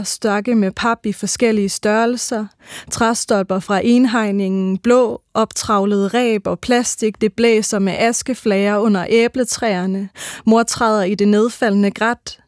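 A woman giving a measured, rhythmic reading of her own first-person literary prose. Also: medium pitch, fairly even intonation, dry recording, clean studio sound.

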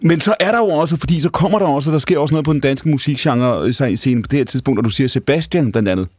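A man's voice: medium pitch, a little mellow, slightly rough, no room sound. A man hosting an interview, asking probing questions with stumbling restarts. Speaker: host.

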